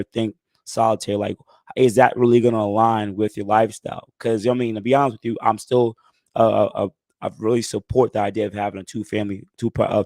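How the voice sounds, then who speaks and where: With a fairly low, slightly mellow voice, a streamer in his thirties answers his live chat in an easy, conversational Q&A. He's still hoarse while recovering his lost voice and often says "you know what I'm saying." The recording is dry.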